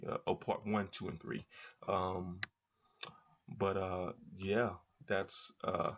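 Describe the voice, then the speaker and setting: A man chatting casually as a reaction video host, rambling and halting with repeated words. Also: sits low, level tone, a little hiss or hum. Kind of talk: casual chat, trailer reaction commentary. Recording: dull lo-fi sound.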